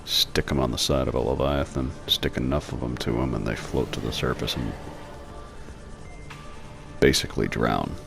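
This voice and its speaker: A man's voice: very deep voice, fairly even intonation, normal speed, creaky, long pauses. A man giving casual, irreverent and mildly profane let's-play commentary as host of a gaming video. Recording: music behind the voice. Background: music.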